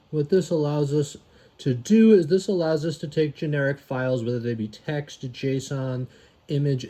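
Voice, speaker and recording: Male demo presenter, slightly high voice, matter-of-fact, walking users through software one step at a time. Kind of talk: narrated software demo walkthrough.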